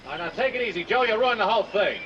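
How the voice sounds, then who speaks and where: Driven, high-pitched western brother. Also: male voice, expressive, fast, fairly bright tone, dull audio, faint music behind. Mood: insistent. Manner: insistent, giving orders. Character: determined, commanding elder brother building a frontier mill. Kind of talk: period western television drama acting.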